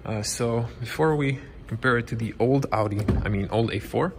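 A young man whose native language is Croatian films himself at close range with a handheld camera while casually reviewing a car in a showroom and from its interior. His medium-pitched speech is halting, packed with fillers and non-native phrasing, over a noisy background.

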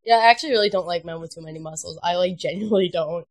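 A young woman talks rapid-fire in a fairly low voice during a casual chat at a sleepover at home. She's watching a movie, laughing a lot and swearing freely.

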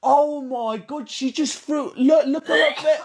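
A man's voice: very high voice, unhurried, vocal fry. A man, hosting a movie reaction, exclaiming and laughing often. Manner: excitable, exclaims a lot. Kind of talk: casual reaction chat.

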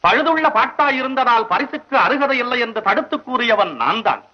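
An actor playing a stern, proud old head poet of the court, speaking formally in a 1960s film drama. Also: male voice, very high voice, expressive, brisk. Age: older. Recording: muffled 1960s film soundtrack.

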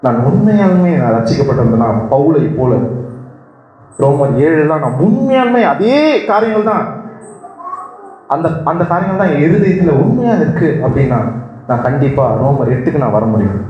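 A man preaching an earnest sermon, repeating words and swinging between high urgent pleas and low quiet passages. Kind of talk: Tamil sermon. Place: church. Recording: very echoey church hall with faint noise.

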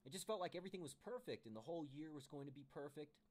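A man reading a children's book aloud to his kids with expressive storytelling. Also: a little high, racing.

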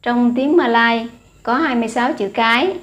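A woman with a Vietnamese accent teaching a language lesson, reading letters and words aloud one by one in a deliberate manner with hesitant fillers. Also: fairly high pitch.

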